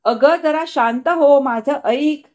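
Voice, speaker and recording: A woman's voice: sits high, slow, a little mellow, dull audio, voice pushed up. A woman voicing a worried mother who pleads and soothes, in a storybook reading. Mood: anxious. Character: anxious mother, gentle and pleading.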